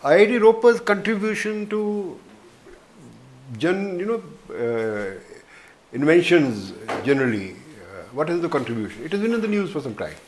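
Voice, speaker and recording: An older man on an interview panel, asking probing questions in a halting, rambling way. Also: a little high, very animated, a little mellow, a little hiss or hum.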